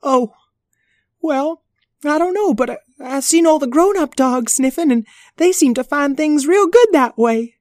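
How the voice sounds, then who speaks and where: A woman voicing a timid, excitable little boy puppy who talks in an anxious, eager whine. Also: unhurried, no echo. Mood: amazed, eager. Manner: anxious, whiny, high and eager.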